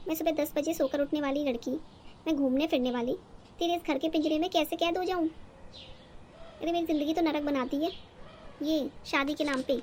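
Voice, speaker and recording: A woman's voice: high-pitched, darkish tone, a little hiss or hum, lightly acted. A woman voicing a quarrelsome, resentful young wife in a cartoon story, scolding and sarcastic. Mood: complaining.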